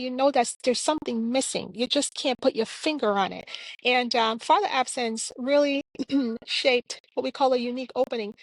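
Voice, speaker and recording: A woman's voice: a little high, dry recording, rough recording. A woman from Jamaica, a clinician and author, answering interview questions in a reflective, earnest way with frequent fillers.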